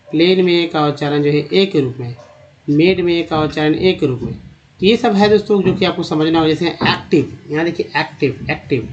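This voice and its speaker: A man teaching English pronunciation to Hindi speakers, spelling out words and repeating each one slowly while quizzing the viewer. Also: a little high. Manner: repeats each word slowly, drilling vowel sounds; addresses viewers as friends, asks rhetorical questions. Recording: dull lo-fi recording.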